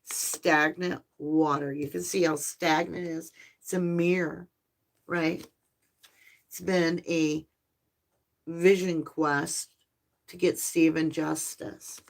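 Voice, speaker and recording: A woman with a low, slightly hoarse and tired voice hosts a live tarot stream, speaking softly and slowly in a level tone. Spiritual and affectionate, she addresses her viewers as lovelies.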